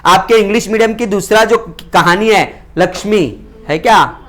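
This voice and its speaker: High-voiced joking male teacher. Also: moderate pace. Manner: animated, joking, preachy. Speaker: tuition teacher. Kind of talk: classroom lecture. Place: classroom with students.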